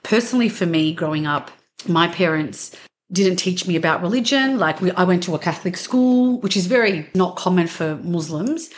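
A woman in her thirties with an Australian accent, hosting a podcast in a candid, chatty way with quick asides. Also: lowish voice. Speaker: podcast host. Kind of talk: casual conversational podcast.

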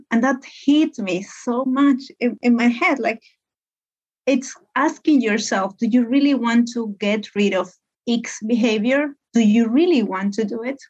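A woman from Peru, a guest in a podcast interview who chats freely with fillers. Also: mid-range voice. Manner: chatty, many fillers and laughs. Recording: dull lo-fi sound.

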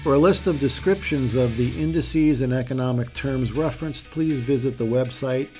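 A man giving a measured, formal scripted narration as a financial podcast host. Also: medium pitch, mellow, soft background music.

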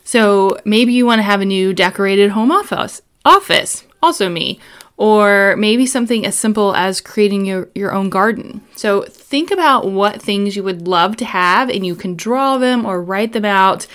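A woman's voice: mid-range voice, moderate pace, fairly bright tone, smooth. A woman in her thirties hosting an instructional solo podcast, talking through advice in an upbeat, orderly, step-by-step way. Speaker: podcast host giving planning advice.

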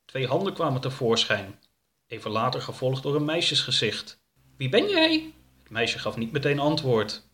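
A man reading a children's story aloud in a calm, even storytelling manner. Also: medium pitch, moderate pace. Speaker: narrator. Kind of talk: storybook narration.

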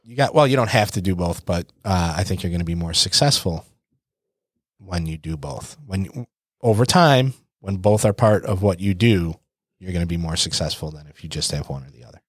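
A man co-hosting a podcast, chatting in a relaxed, joking way and chiming in with agreement. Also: low-pitched, fairly quick, breathy edge, dry recording, clean studio sound. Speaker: podcast co-host. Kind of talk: casual podcast chat.

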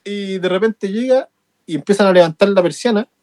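A man's voice: high voice, fairly quick, noisy background. A young Chilean man with a Chilean accent, telling a story in casual chat, laughing often. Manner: laughing, animated anecdote with acted-out quotes.

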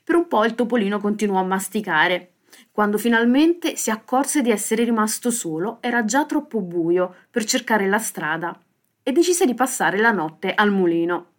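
A woman hosting a children's podcast, reading a fable aloud with lively, expressive delivery. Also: medium pitch, normal speed. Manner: lively expressive reading with sound-effect words. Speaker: storyteller host.

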